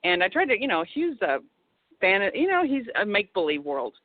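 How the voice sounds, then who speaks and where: A woman's voice: medium pitch, sing-song, fairly quick. A woman author chatting as an interview guest, rambling with lots of restarts and asides. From Texas. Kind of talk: casual phone interview. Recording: tinny phone line.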